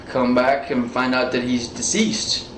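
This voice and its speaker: Speaking a little slowly in a mid-range voice with fairly even intonation, an American man in his thirties is questioned by police as a suspect. He rambles informally and swears now and then. The indoor interview room sounds echoey and the audio is noisy.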